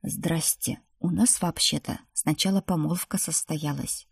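A serious young husband who speaks softly and keeps it low-key, read by a woman narrator. The voice drops quieter than the narration, husky and dry. An audiobook character voice. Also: unhurried, no echo, exaggerated voice. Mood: defensive.

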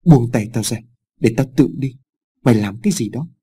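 A man voicing a guilt-haunted, volatile old farmer who stammers and shouts. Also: mid-range voice, expressive, normal speed, slightly rough. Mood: gruff. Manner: shouting, stammering, then sobbing.

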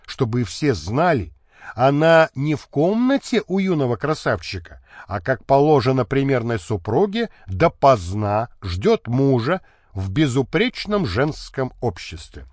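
A man narrating a historical novel as an audiobook, measured and expressive. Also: medium pitch, dry recording, studio quality.

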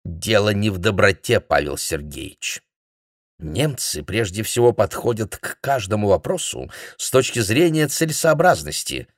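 A man's voice: on the low side, big pitch swings, moderate pace, no room sound, studio quality. A man voicing a bilious, pompous middle-aged male intellectual who speaks in a nagging tone. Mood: lecturing.

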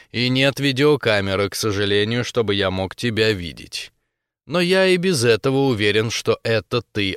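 A man voicing a cold, scheming male artificial intelligence that speaks in a slow, measured, menacing way. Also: fairly low pitch, a bit bright, clear, resonant tone, dry recording, clean studio sound, lightly acted.

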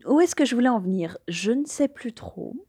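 A woman's voice: fairly high pitch, expressive, quick pace, warm tone, breathy edge, no room sound, studio quality. A young woman in a casual spoken afterword to her podfic reading, rambling and hesitant with many fillers. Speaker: podfic reader.

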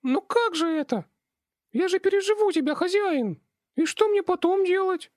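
A tiny demon imp girl, squeaking and whining in a piercing high voice, forever begging her master for mercy, voiced by a male narrator. Her voice sits very high and close, in a dry room. It is a storybook reading. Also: expressive, normal speed, darkish tone, no echo. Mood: pleading. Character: squeaky pleading female imp demon servant. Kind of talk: audiobook reading.

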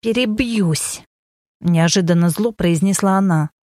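A woman's voice: mid-range voice, measured pace, a little mellow, no room sound, studio quality, lightly acted. A woman voicing a playful young woman who teases her friends and flares up when pushed. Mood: angry. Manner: teasing and wheedling, flaring into anger. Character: sleepy playful young woman with a fiery temper.

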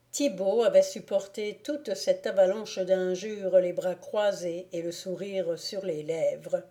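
A woman reading a novel aloud as an audiobook narrator in a measured way. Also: mid-range voice, warm tone. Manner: slow, measured. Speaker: audiobook reader. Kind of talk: scripted narration.

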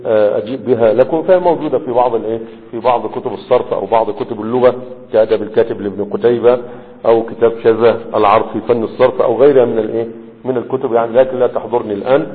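Man, lecturing teacher, quick speech, tinny phone-like sound. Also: medium pitch. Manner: asks rhetorical questions, repeats checks with students. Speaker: Arabic morphology teacher. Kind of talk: explanatory lecture. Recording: tinny phone-like audio with long hall reverb.

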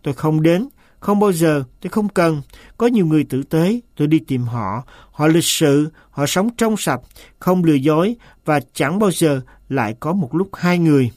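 A man's voice: on the high side, animated, moderate pace, darkish tone, no echo, natural voice. Sulky servant for an audiobook, stubborn and evasive, read by a man, dry close sound. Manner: stubborn, insistent denials. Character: sullen, evasive male manservant.

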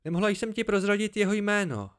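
A man's voice: sits high, expressive, clean tone, voice pushed up. A man voicing a proud, secretive young woman in an amateur audiobook, raising his voice to play her. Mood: animated.

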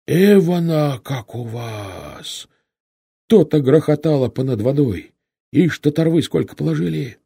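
A man voicing an excited male mounted scout who exclaims loudly in a raised voice. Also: moderate pace, vocal fry, dry recording, clean studio sound, full character voice. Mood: excited shouting. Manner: loud, exclaiming, high-pitched.

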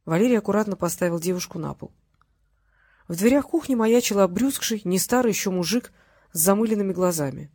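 Measured audiobook narrator, dry read. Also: mid-range voice, expressive, darkish tone, no echo. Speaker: audiobook reader. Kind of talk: scripted narration.

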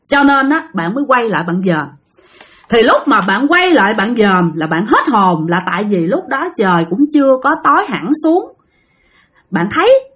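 A woman's voice: a little high, a bit bright. Dramatic Southern Vietnamese woman storyteller. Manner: speaks straight to listeners, dramatic. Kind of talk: spooky story narration.

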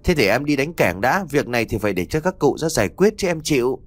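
A man's voice: medium pitch, very animated, fast, dry recording. A man doing a stammering young village crier. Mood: startled. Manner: stammering, polite questions.

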